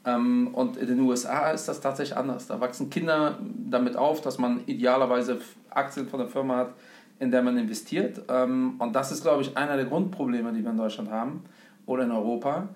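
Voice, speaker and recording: A man's voice: medium pitch, steady tone, brisk, a little mellow. A German man hosting a casual talk about investing, who explains step by step with many fillers. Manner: thoughtful, frequent fillers, lecturing tone. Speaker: host. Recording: echoey room.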